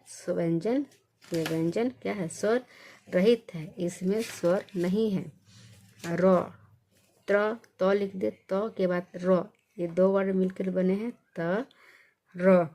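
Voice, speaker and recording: A woman teaching a basic reading lesson, asking questions and answering them herself, repeating each sound slowly. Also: medium pitch, creaky, a little mellow.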